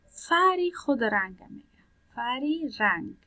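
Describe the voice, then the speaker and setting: A woman's voice: sits high, big pitch swings, pushed and bright, dry recording, poor audio. A woman teaching a language lesson, patiently explaining a worksheet, repeating points and translating words one by one.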